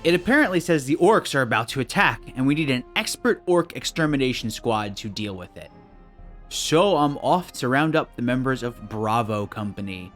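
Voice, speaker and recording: A man's voice: medium pitch, lively intonation, normal speed, fairly bright tone. A man narrating a game video in a scripted, dry and sarcastic way. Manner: dry, sarcastic, mock-suspicious. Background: faint background music.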